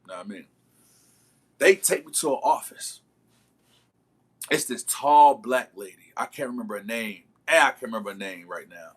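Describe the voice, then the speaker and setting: A man's voice: medium pitch, expressive, moderate pace, pauses often, husky. A man livestreaming, telling a long story in casual slang and calling out to his viewers. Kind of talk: casual storytelling to a live chat.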